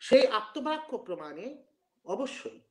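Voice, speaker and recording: A man's voice: high voice, very animated, normal speed. A man giving an academic lecture, explaining at length and sometimes chanting verses in a rhythmic way. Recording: roomy echo.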